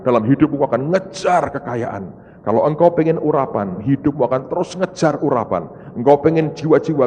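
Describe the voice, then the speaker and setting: Male pastor, lively pitch that swings high, slightly high voice, church hall reverb. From Indonesia. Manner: dramatic storytelling, voicing others in rising high-pitched outbursts and repetitions. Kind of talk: sermon. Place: large church.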